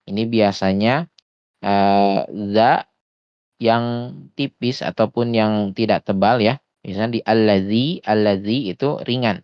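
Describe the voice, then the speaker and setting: A man's voice: fairly low pitch, dry recording. Man, recitation teacher, online lesson, patient, hesitant fillers, dull lo-fi voice chat, dry close sound. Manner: patient explaining with frequent hesitations; often slows to demonstrate sounds. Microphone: voice chat headset or desktop mic.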